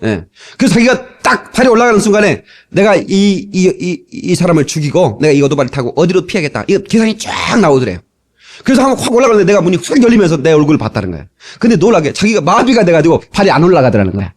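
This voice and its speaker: A man's voice: sits high, quick pace. A middle-aged man preaching a storytelling sermon, acting out the people he quotes, from an old cassette tape. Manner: animated, acts out quoted people. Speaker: pastor.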